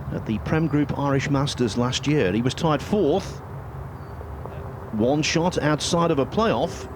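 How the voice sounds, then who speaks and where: A man giving golf commentary in formal, measured broadcast phrasing. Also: mid-range voice, noisy background. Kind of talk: scripted-sounding golf commentary.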